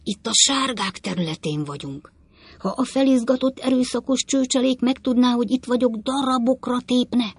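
A pompous middle-aged newspaper editor from an old storybook, paranoid and full of himself, voiced by a woman narrator. He hisses in fear, then swells into loud, high, husky tirades. The recording is dry and close. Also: no room sound. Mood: secretive. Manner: fearful hushed asides, then grandiose ranting.

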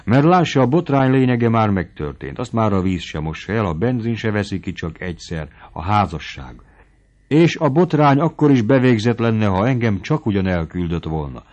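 Brief: male reader as a cocky young suitor for a storybook, persuasive, lower voice, muffled sound. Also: sing-song, darkish tone. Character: bold, scheming young gentleman suitor. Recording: dull lo-fi audio.

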